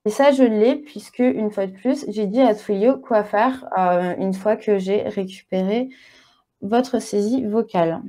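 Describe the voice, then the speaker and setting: Woman, conference speaker, live coding demo, casual and chatty, soft warm tone. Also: mid-range voice, measured pace. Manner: casual, chatty, punctuates steps with "hop" and "voilà".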